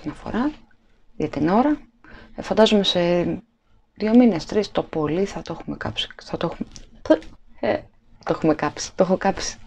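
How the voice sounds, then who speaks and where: At night in her home kitchen, a woman in her thirties with a mellow, lowish voice chats casually to the camera for a haul vlog. She rambles, restarting sentences and using plenty of fillers.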